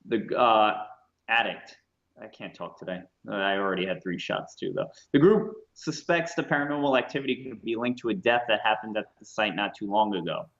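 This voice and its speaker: A man's voice: lowish voice, expressive, fairly quick, creaky, a bit bright, highs cut off. A man co-hosting a casual podcast, reading news aloud and often tripping over his words. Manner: stumbling, self-correcting reader. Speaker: co-host.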